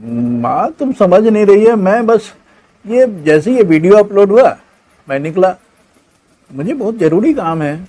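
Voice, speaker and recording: Guy putting on a whiny selfish son, high and loud, brushing everyone off. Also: big pitch swings, unhurried. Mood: impatient.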